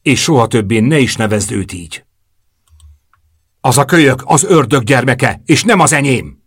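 A man's voice: fairly low pitch, animated, gravelly, breathy edge, dry recording, clean studio sound, heavily acted. A man voicing a bitter, furious young woman in an audiobook, with a raised, accusing delivery.

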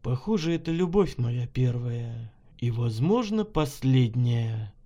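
A tough army officer, as the narrator puts him on, roaring orders in a raised voice with lively swings of pitch. He drops to a hush in his quiet moments. This is audiobook storytelling. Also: measured pace, dull audio. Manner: shouting orders, then hushed. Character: tough male army officer, loud yet tender.

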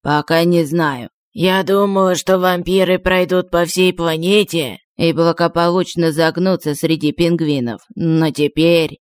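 A woman reading an audiobook, voicing a shrewd old witch with a calm, knowing manner. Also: fairly low pitch, a little slow, hardly any pauses, clean tone, no echo, natural voice.

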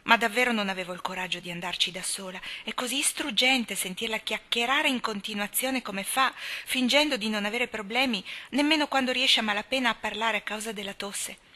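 An earnest, openhearted young woman from a classic novel, talking to her dearest friend, voiced by a woman reading aloud. Her voice sits a touch higher and bright, with clear, lively tone. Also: fairly quick. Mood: worried.

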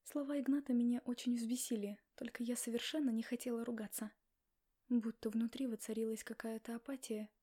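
A woman narrating a first-person novel in a quiet, reflective way. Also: on the high side, level tone, fairly quick. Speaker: audiobook reader.

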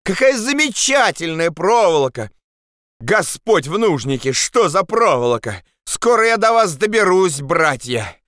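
A man voicing a desperate young male partisan messenger who shouts and pleads to be let through. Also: a little high, big pitch swings, unhurried, hardly any pauses, no room sound, clean studio sound, pitched above the performer's own voice, heavily acted. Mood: frantic pleading.

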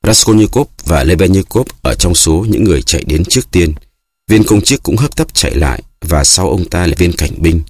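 A man reading an audiobook aloud in a steady, measured narration. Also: deep voice, breathy edge, no echo, clean studio sound. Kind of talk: scripted narration.

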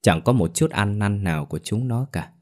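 Somber, deep-voiced male storyteller reading a ghost tale. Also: animated, normal speed, darkish tone. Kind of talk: scripted ghost story narration.

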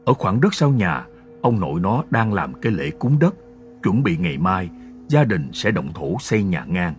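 Man, storyteller, scripted ghost-story narration, dramatic delivery, lively intonation, faint background music. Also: fairly low pitch.

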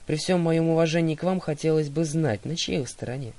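A calm, wise old centaur teacher laying out plans in measured, polite sentences, as a man narrates him. There is little change from the reader's own even voice. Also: a little high, voice pushed up, lightly acted.

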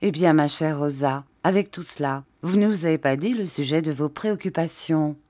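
A woman reading an audiobook, voicing a dignified older mother who speaks in a measured, gently reproachful way. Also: deep voice, lightly acted.

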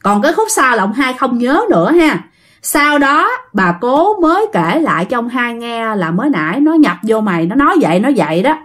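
A woman's voice: on the high side, sing-song, moderate pace, fairly bright tone. A woman with a Southern Vietnamese accent telling a ghost story in a chatty way, talking straight to her listeners. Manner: addresses listeners directly, chatty. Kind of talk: casual ghost story narration.

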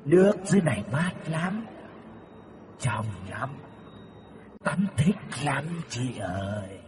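A man voicing an eerie drowned newborn ghost child who slowly coaxes someone down into a well. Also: medium pitch, sing-song, noisy background. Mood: eerie coaxing. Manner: slow, beckoning, sing-song.

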